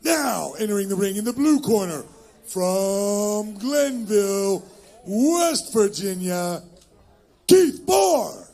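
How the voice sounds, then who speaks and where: A man working as ring announcer, calling the fighters into the ring with a booming, drawn-out delivery in a music venue. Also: animated, creaky, warm tone. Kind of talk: boxing ring introductions.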